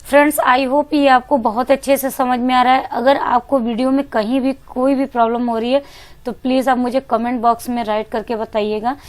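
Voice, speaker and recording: A woman's voice: on the high side, level tone, moderate pace, darkish tone. A woman teacher giving an exam-prep lesson, mixing in English words, asking questions and answering them herself, repeating key points. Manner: mixes English words into Hindi.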